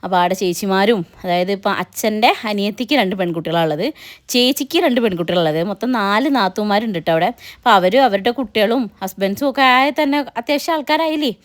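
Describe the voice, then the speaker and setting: Fast-talking young mother vlogging. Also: mid-range voice. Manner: chatty, fast, addresses viewers directly. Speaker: family vlogger. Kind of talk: casual vlog narration.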